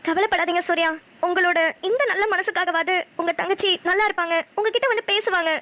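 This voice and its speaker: A woman voicing a gentle comforting businesswoman. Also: very high voice, steady tone, fast talker, no room sound. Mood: caring, concerned. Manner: soft, soothing, caring. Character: kind young businesswoman, gentle comforting friend. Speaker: cartoon voice actor. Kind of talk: Tamil cartoon dialogue.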